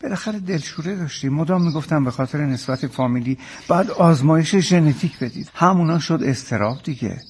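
A patient husband and father in a TV drama, coaxing his wife in a slightly high, husky voice. He reasons softly and keeps reassuring her. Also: lively intonation. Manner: soothing, coaxing. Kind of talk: TV drama acting.

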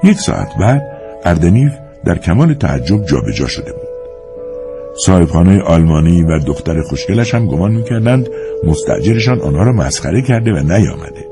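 A man's voice: low-pitched, very animated, music in the background. A man narrating a novel as an audiobook, reading expressively with dramatic storytelling.

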